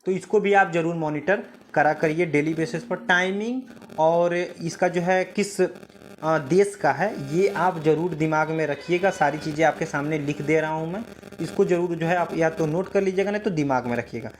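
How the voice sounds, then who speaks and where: A man's voice: fairly high pitch, normal speed, slight background noise. A man teaching a screen-share tutorial, explaining step by step with frequent fillers, self-corrections and repeated reminders. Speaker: stock market educator.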